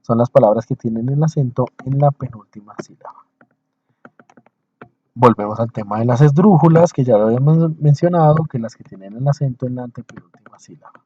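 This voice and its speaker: Man teaching a slow, repetitive lecture. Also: medium pitch, dark tone, breathy edge, lo-fi sound. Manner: explains slowly in short phrases, checks in with listeners; repeats phrases to stress a point. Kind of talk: recorded lecture over slides.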